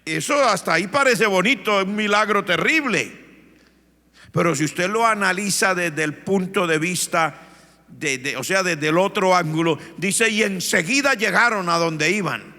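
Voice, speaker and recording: A male pastor from Colombia preaching a sermon with dramatic storytelling that rises into shouts. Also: sits high, a little slow. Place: church. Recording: reverberant church hall.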